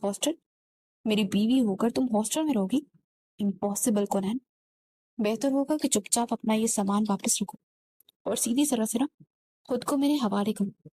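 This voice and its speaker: A woman's voice: fairly high pitch, moderate pace, long pauses, warm tone, breathy edge. A woman voicing a stern, commanding young husband who is a police officer, in a spoken romance story.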